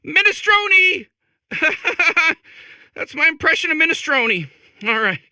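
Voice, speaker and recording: This is a full character voice: a man plays a manic, desperate robot comic in a video game, going extremely high, very animated yet slow, with a pushed, bright delivery. Stammering through showbiz banter, the hacky machine cracks itself up, self-amused, like it's improvising. The audio is studio quality with no room sound.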